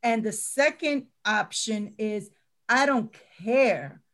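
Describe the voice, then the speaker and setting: A woman's voice: fairly high pitch, slow, fairly bright tone. A middle-aged woman teacher talking earnestly in a panel discussion, often repeating words as she stresses a point.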